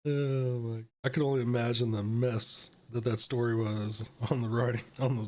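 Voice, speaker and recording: A man's voice: medium pitch, flat delivery, moderate pace, darkish tone. A young man hosting a live stream, casually ranting about a film with lots of swearing, laughter and mocking asides. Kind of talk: casual chat.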